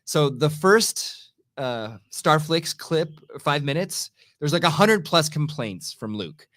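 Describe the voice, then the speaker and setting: A middle-aged man co-hosting a podcast in casual chat, animated and jokey. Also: fairly high pitch, slow, dry recording. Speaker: podcast co-host.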